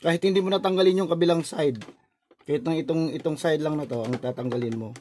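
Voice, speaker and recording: A man with a Filipino accent talks fast in a slightly high, dark-toned voice, walking through an informal hands-on repair tutorial in short step-by-step phrases. The recording is noisy and has clicks.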